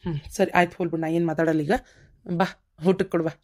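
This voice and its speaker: A woman's voice: on the low side, level tone, quick pace, a little mellow, lightly acted. A woman voicing a tired shopkeeper husband in a cartoon story, with a North Karnataka Kannada accent and clipped replies. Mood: weary.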